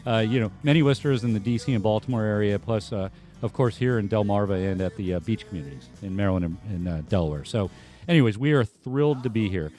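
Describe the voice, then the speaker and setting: Over a music bed of faint band music, a male talk show host chats loosely, rambling with many fillers and restarts. His voice sits on the low side and sounds warm, and he talks fast.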